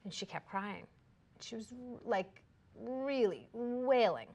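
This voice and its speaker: A woman who works as a craniosacral therapist, telling a story in a calm, reflective way during a casual conversation. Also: fairly high pitch, slow.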